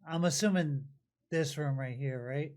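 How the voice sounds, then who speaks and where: A man's voice: a little high, a little slow, darkish tone. A man playing a tabletop game, chatting and asking the game master questions. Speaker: player. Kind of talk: casual tabletop play.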